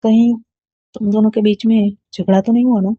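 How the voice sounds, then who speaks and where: A woman reading a storybook voicing a patient, caring middle-aged father who speaks softly and reassuringly. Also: fairly high pitch, fairly even intonation, brisk, husky, no room sound, pitched above the performer's own voice. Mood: gentle. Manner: soft, reassuring. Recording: dull lo-fi dry recording.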